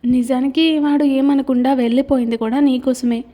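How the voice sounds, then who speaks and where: A woman doing a kind male teacher in an audio story who jokes lightly to cheer someone up. The voice stays high and mellow, with a warm, dark tone. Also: steady tone, normal speed. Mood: reassuring. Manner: light, joking. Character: gentle teasing male teacher, good-humored.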